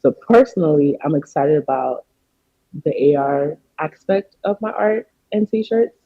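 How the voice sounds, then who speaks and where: A man's voice: fairly high pitch, animated, unhurried, no echo, phone-quality sound. An American man chatting as an interview guest in an informal, earnest way, peppered with filler phrases. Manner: informal, earnest, frequent "you know" and "like". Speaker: podcast guest, artist. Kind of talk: casual interview chat.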